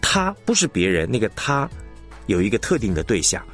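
Male radio teacher, lowish and very expressive pitch, measured explanatory delivery, studio read. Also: faint music behind. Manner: measured, explanatory teacher who demonstrates phrasing aloud. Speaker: broadcasting instructor. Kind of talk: radio lesson on announcing technique.

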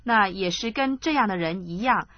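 Female co-host for a Bible program; husky, even, measured delivery; dry, dull studio sound. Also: mid-range voice, dry recording. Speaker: co-host asking questions. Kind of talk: Bible discussion.

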